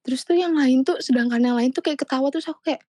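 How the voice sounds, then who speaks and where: Young woman guest, animated storyteller, warm low-brightness tone. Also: fast talker, dry recording, clean studio sound. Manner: animated storytelling, many fillers. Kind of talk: casual chat.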